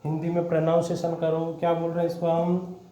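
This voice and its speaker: A man teaches a class, walking through each step and asking his students questions as he goes. His voice sits a little high but sounds mellow. It comes through a dull, lo-fi recording in an echoing room. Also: completely flat delivery, fairly quick. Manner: patient, repeats "okay?" and quizzes the listener. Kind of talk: explaining English grammar to students.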